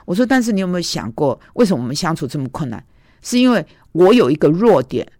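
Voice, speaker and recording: A woman's voice: lowish voice, very animated, fast, dark tone, dry recording, studio quality. Woman preacher telling a story. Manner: conversational, recounting dialogues. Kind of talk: storytelling sermon.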